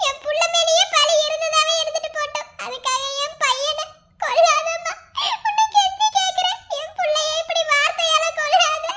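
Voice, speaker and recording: A woman's voice: very high voice, steady tone, moderate pace, sharp tone. A woman voicing an old mother who begs for her son in a cartoon drama. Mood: begging. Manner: begging.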